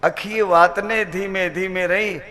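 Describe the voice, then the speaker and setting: A man's voice: high voice, steady tone, a little slow, sharp tone. A man giving a devotional discourse, telling a sacred story dramatically and repeating phrases for emphasis.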